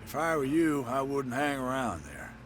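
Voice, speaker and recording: An actor playing a wary, secretive island barkeeper in a video game. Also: male voice, medium pitch, sing-song, moderate pace, fairly bright tone, slight background noise. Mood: guarded. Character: guarded, world-weary male island barkeeper.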